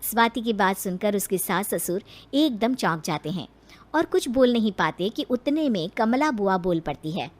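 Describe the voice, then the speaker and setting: A woman's voice: mid-range voice, expressive, normal speed. A woman reading scripted narration for a moral story.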